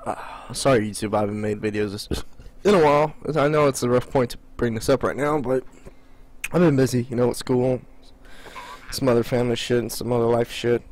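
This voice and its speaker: A teenage boy talks through an online match on a headset, swearing freely and calling out teammates. His pitch sits in the middle of the usual range. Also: fairly quick, a little mellow. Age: teens. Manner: loose and profane, calling out teammates. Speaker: channel owner and player. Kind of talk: casual gaming chat over voice call.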